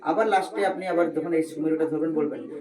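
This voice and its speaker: A man's voice: a little high, quick pace, a crowd in the background. A man teaching a visitor how to chant on prayer beads, alternating patient step-by-step instructions with sung mantras. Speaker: temple devotee teaching chanting. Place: temple hall with people around. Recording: distant echoey mic in busy hall.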